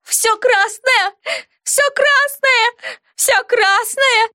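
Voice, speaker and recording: A woman voicing a hysterical young woman who wails and shrieks in a shrill, drawn-out voice. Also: big pitch swings, dry recording, clean studio sound.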